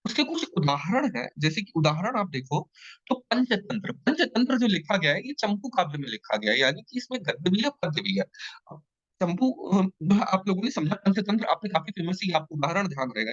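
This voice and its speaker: A man's voice: sits high, fairly quick, no room sound. A man teaching an online exam-prep lecture in a playful way, checking in with his students often. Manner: lively, playful teaching with frequent check-ins. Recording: dull lo-fi dry sound.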